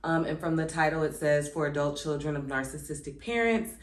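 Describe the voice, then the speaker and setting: A channel host with a low voice sits indoors at home, vlogging in an echoey room while reading from a workbook. Her casual, reflective talk is expressive and a little fast, sprinkled with plenty of "um" and "like" asides.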